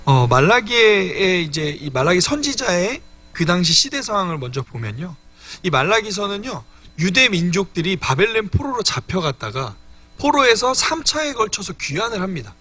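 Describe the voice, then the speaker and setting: A man's voice: high-pitched, sing-song, normal speed, pushed and bright. A young man preaching a midweek church sermon, earnestly explaining scripture and addressing the congregation directly. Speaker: evangelist preaching.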